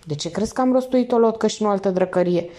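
A woman's voice: medium pitch, warm tone, pitched above the performer's own voice, close to an everyday voice. A woman reading aloud and voicing a desperate male con man on the run, who talks urgently in slang.

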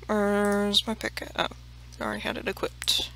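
A woman's voice: mid-range voice, little pitch movement, normal speed, creaky, fairly bright tone, slight background noise. A woman hosting a let's play, chatting casually and mocking herself, swearing freely and dropping into murmured half-whispered asides. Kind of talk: casual gameplay commentary.

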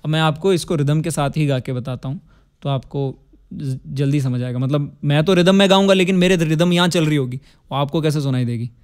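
A man's voice: a little high, fairly quick, a little mellow, clear, resonant tone. A man teaching music, explaining rhythm with counted beats and short sung phrases. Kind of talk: music lesson with sung examples.

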